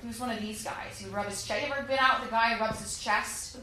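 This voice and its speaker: A woman in her thirties performing an animated stand-up comedy set on a club stage, acting out characters as she goes. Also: fairly high pitch, fast talker, far from the mic. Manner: animated, acts out characters in quotes. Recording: very echoey room, faint crowd noise.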